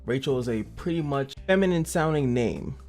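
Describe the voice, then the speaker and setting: A man's voice: mid-range voice, animated, moderate pace, darkish tone, soft background music. A man hosting a casual gaming commentary channel, joking and chatty as he reviews a character. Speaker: game reviewer and channel host.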